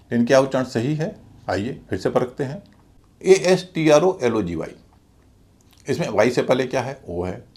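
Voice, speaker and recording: A man teaching English pronunciation, spelling out letters and syllables slowly and deliberately in a scripted lesson. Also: medium pitch, vocal fry, a little mellow.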